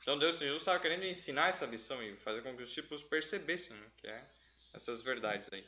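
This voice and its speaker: A man's voice: medium pitch, animated, fast, bright, forceful tone, muffled recording, slight background noise. A man leading a Bible study, reading scripture aloud and explaining it step by step, often checking in with "né?". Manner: thoughtful, explains step by step with frequent "né?".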